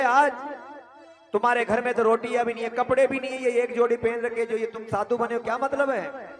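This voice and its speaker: High-voiced preacher over music. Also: male voice. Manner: animated, addresses the audience directly. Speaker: Ram Katha preacher. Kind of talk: musical religious storytelling sermon.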